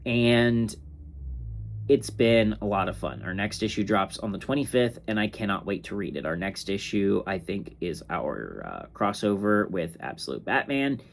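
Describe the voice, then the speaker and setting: A man's voice: on the low side, expressive, creaky, slight background noise. A sleepy young man reviewing comics in a casual, rambling way, with lots of fillers and restarts. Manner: slow, rambling, filler-heavy. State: sleepy, yawning. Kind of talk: casual ranking monologue.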